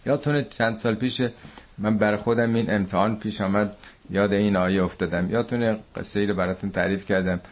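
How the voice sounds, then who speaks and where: A man from Iran teaching a Quran commentary class, reciting Arabic verses slowly and explaining them in everyday speech. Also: fairly low pitch, steady tone.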